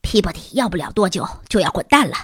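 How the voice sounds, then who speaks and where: A rebellious schoolgirl with a cold boasts in confident, dreamy tones, voiced by a woman in a storybook. The voice is husky and swoops lively in pitch. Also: fast talker, no room sound, clean studio sound. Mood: boastful.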